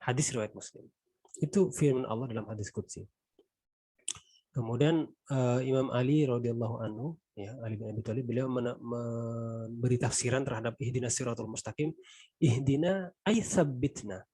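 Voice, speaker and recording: Mellow husky Indonesian religious teacher. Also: male voice, mid-range voice, steady tone, moderate pace, no room sound. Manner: conversational, frequent "gitu kan" tags, trailing softly. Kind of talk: Quran exegesis lesson.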